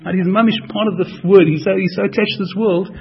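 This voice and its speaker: A man's voice: high voice, steady tone, quick pace, creaky, breathy edge, highs cut off. A man giving a Torah class, explaining with repeated phrases and rhetorical questions and mixing Hebrew terms into his English. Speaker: Torah teacher.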